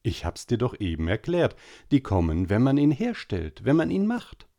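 A man voicing an impatient, gruff middle-aged father in an audiobook story. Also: medium pitch, huge pitch swings, moderate pace, mellow, pitched above the performer's own voice. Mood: stern. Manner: gruff, curt, lecturing.

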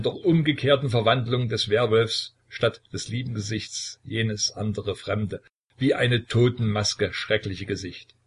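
A man narrating an audiobook in a measured, dramatic reading style with a husky voice. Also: fairly low pitch.

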